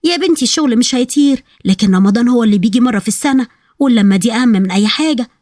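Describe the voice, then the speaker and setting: Give a commanding, teasing Egyptian grandmother in her later years a quick, rushing delivery, as a woman narrator puts her on. The voice sits a little high and the sound is close and dry, with no room at all. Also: expressive, a little mellow, no room sound. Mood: firm. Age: older. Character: bossy loving old grandmother, family matriarch.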